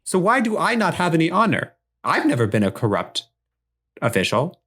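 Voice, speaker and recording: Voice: medium pitch, big pitch swings, normal speed, fairly bright tone, slightly rough, pitched above the performer's own voice. A player voicing a cheeky young male pirate who keeps firing wisecracking questions. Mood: questioning. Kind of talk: improvised tabletop role-play.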